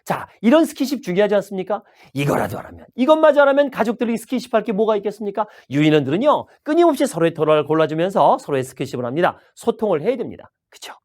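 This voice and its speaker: A man putting on the voice of a pushy subway peddler, booming out a sales pitch full of rhetorical questions to passengers. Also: very animated, quick pace, few pauses, darkish tone. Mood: hawking. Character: loud pushy male subway peddler hawking a gadget.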